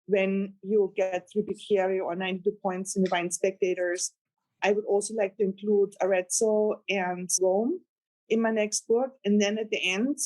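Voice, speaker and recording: A woman with a mid-range, darkish voice speaks at a normal pace with fairly even intonation, though the audio quality is poor. She's a guest novelist, a native German speaker with an Austrian accent, chatting casually in an interview. Earnest and rambling, she laughs with delight as she talks.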